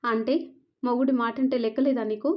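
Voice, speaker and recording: A woman's voice: on the high side, fairly even intonation, a little fast, lightly acted. A woman voicing a stern, possessive young husband with a harsh, demanding way of talking. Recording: dull lo-fi narration recording.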